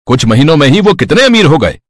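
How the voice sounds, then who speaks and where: A man's voice: on the high side, big pitch swings, fast talker, no room sound, clean studio sound. A man voicing an envious, gossiping villager in a cartoon story.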